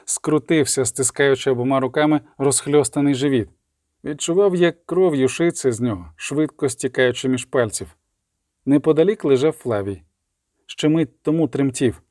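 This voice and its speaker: A man's voice: medium pitch, mellow, no room sound, studio quality. A man narrating an audiobook with tense, dramatic, clipped phrasing. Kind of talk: audiobook reading.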